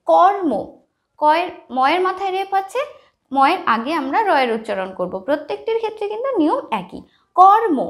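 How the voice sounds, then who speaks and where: A woman teaching a Bengali grammar lesson, saying each example word slowly and then repeating it for her pupils. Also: high voice. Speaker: language teacher.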